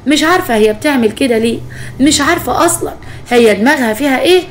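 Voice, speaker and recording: A woman voicing a gentle young bride with an Egyptian Arabic accent who complains earnestly, in a spoken story. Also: high voice, animated, fast, slight background noise. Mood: exasperated.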